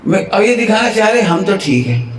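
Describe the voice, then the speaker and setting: A man giving a devotional sermon as a preacher, telling lively everyday stories, acting out little household quarrels and chuckling at his own examples. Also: sits high, moderate pace. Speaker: Jain preacher. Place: temple hall. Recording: echoey temple hall with faint ambience.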